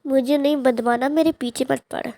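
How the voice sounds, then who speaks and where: Brief: woman doing a sulky, threatening boy, high-voiced, in a game roleplay voiceover. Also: steady tone, moderate pace, warm tone, no room sound. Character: hurt angry boy refusing his friend.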